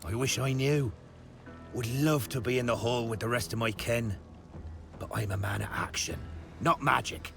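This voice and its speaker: A man playing a gruff, chatty dwarf in a video game, with a gravelly voice and a wry, plain-spoken manner. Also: mid-range voice, fairly even intonation, normal speed, a bit bright, faint music behind. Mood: wry, friendly. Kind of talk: casual video game character acting.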